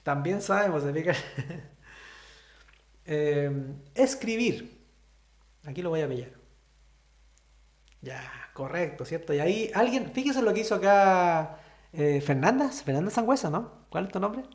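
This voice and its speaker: Animated but a little slow, a man with a high voice and Chilean Spanish accent pauses often while lecturing an online sign language class. He explains step by step and keeps checking in with students, with reverberation audible.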